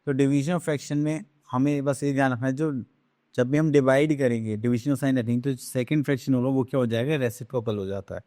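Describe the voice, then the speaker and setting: A man teaching a math lesson on fractions, asking questions and answering them himself, slipping into English terms and reading numbers out slowly. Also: mid-range voice, steady tone, dark tone, no echo, studio quality. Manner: drawn-out slow reading of numbers.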